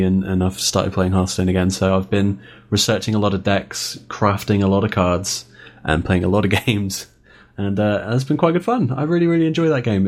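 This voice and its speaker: A man with a very low, deep voice hosts a relaxed gaming podcast. He is chatty and self-deprecating, and he laughs easily between his points. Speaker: podcast host. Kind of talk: casual gaming podcast chat.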